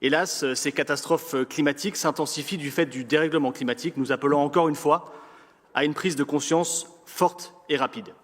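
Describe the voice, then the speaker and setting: A man with a French accent from France reads a formal political speech as an elected councillor, in a measured, rhetorical manner with deliberate pauses. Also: fairly high pitch, a bit bright. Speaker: elected local councillor giving an opening speech. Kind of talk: formal political speech read from prepared text. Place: large council chamber. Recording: reverberant hall sound.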